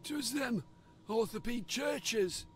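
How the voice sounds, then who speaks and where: A man's voice: very high voice, animated, slow pace, fairly bright tone, soft background music, pitched above the performer's own voice, heavily acted. A man voicing a weary, emaciated old fisherman captive who speaks in a rustic, old-fashioned dialect. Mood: grim.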